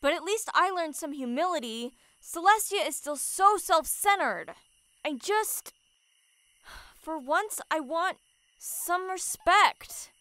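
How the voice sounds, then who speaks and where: A woman's voice: very high-pitched, expressive, slow pace, bright, forceful tone, no echo, clean studio sound, full character voice. A woman voicing an awkward, resentful pony princess of the night in a cartoon parody, speaking in a hesitant, put-upon, understated way. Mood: hurt, frustrated. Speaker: voice actor in a parody dub.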